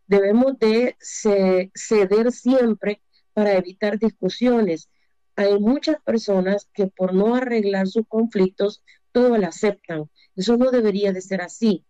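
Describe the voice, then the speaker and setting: Salvadoran woman in her fifties, counsels on relationships, asks and answers her own questions, warm voice, dry room. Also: medium pitch, unhurried, no room sound. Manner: asks rhetorical questions and answers them, hesitant fillers. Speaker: relationship speaker. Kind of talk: relationship advice talk. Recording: dull lo-fi dry recording.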